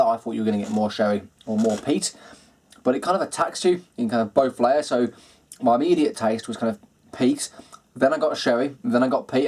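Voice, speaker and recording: A man's voice: medium pitch, slightly rough. Chatty man reviewing whisky. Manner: relaxed and chatty, many ums and kinds of. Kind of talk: casual video review.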